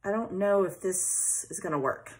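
In a fairly low voice at normal speed, a woman runs a casual scrapbooking video, talking through her thoughts while arranging pieces. She's the channel host, working at a home craft table under an overhead camera trained on her hands.

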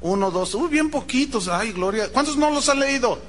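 A man with a Mexican Spanish accent preaching a sermon, animated, imitating shouting crowds and questioning the congregation. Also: very high-pitched, moderate pace, a little hiss or hum. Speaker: pastor.

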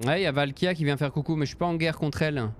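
A man's voice: on the high side, steady tone, quick pace, faint music behind. A man from Belgium, casually commenting on a strategy game while thinking aloud and thanking viewers. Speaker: streamer.

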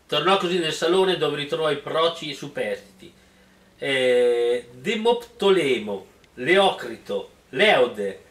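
A man reads a silly story aloud in a mock-dramatic way and keeps stopping for joking, mocking asides. His voice is fairly high, bright and keen, with lots of movement in pitch. He sits back from the mic in a roomy space. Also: takes it slowly, distant mic. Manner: animated, mocking, breaks into laughter. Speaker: reader and comic commentator.

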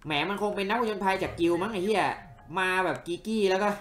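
A man's voice: high voice, steady tone, fast, fairly bright tone. A man casually commentating a video game he is playing, joking and crude. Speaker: gaming channel host. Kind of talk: let's play commentary.

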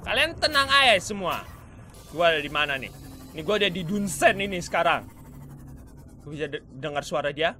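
Brief: excitable gaming commentator, male, cocky and loud-mouthed, very bright tone, faint noise behind. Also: a little high. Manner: excitable trash-talking, mixing in English swears. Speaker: gaming YouTuber. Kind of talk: let's play commentary.

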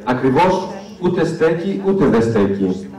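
A man's voice: mid-range voice, big pitch swings, warm tone. A man reciting his own poem in a rhythmic, repeating cadence at a staged poetry reading. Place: performance venue. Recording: echoey venue, mic far off.

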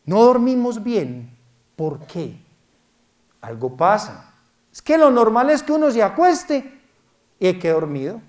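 A man's voice: high voice, very animated, takes it slowly, long pauses, a little mellow. A man giving a humorous sermon as a priest, playfully mimicking complaining parishioners.

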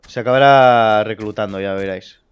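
A young man giving casual let's play commentary, excitable and quick to swear. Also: fairly low pitch, clear, resonant tone, dull audio. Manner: excitable, swears, laughs at scares. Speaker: gamer.

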